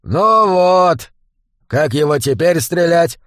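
Man doing a loud brash hitman. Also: on the high side, expressive, slow, dry recording, studio quality, voice pushed up. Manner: rough, yelling, crude. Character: brash male hitman, loud and trigger-happy.

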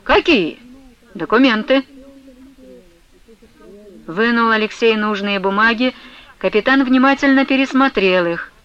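A woman reading a classic novel aloud as an audiobook, in even, expressive storytelling narration. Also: a little high, moderate pace, clear, resonant tone. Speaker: audiobook reader. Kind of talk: scripted literary narration. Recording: slightly dull lo-fi audio.

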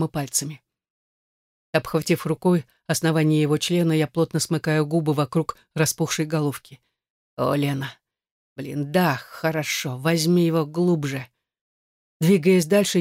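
A man's voice: on the high side, darkish tone, no room sound. Man narrating an erotic novel, dry close sound. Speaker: audiobook reader.

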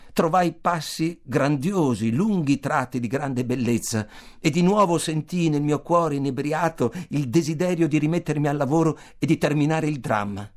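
A male audiobook reader with a mid-range voice gives a literary novel a theatrical, expressive reading. He lifts the lines that carry excitement and drops to a near-murmur where the story turns dark, in the measured style of a stage reader. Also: mid-range voice. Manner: expressive theatrical reading, sinking to a hushed murmur in darker passages.

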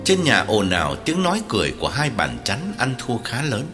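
A man narrating an audiobook in scripted narration with an expressive delivery. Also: mid-range voice, fairly quick, over music.

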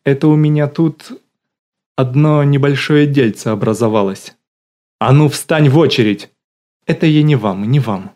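A man's voice: mid-range voice, steady tone, normal speed, warm tone, pitched above the performer's own voice, natural voice. A man voicing a bossy middle-aged woman who swings between syrupy sweetness and barking drill-sergeant commands, in an audiobook.

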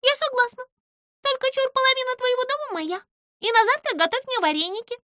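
A woman's voice: very high voice, fairly quick, pushed and bright, no room sound, studio quality, pitched above the performer's own voice. A woman voicing a stubborn, demanding little girl creature who insists on getting her way. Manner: insistent, pleading.

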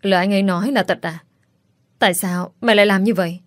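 A woman's voice: medium pitch, fairly even intonation, fast, no room sound, close to an everyday voice. A woman voicing an anxious young daughter in a story reading, with a pleading manner.

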